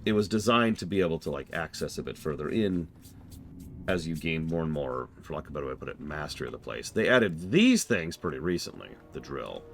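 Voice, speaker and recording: A man's voice: rumbling low, big pitch swings, a little fast, faint music behind. A man giving casual, rambling live commentary as he streams a game, explaining things as he goes.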